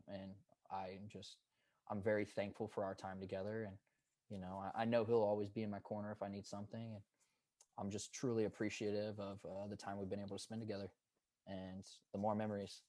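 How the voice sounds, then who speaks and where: Hyped-up young man, low voice. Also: monotone, warm tone, dry recording. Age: 20s. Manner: upbeat and hyped, drawn-out earnest storytelling. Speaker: guest, pro paintball player. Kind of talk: casual podcast interview.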